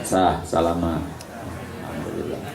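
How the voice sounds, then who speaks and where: A man preaching a sermon, lively and joking, calling on listeners by name. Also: low-pitched, measured pace, vocal fry, crowd noise. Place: prayer hall. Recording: echoey hall, faint ambience.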